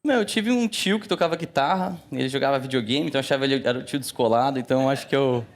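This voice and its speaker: Appearing as a guest for a casual TV interview chat, a man in his thirties, a musician with a Brazilian Portuguese accent, talks rapid-fire in a mid-range voice. He's relaxed and loose, leaning heavily on fillers such as "né" and "assim."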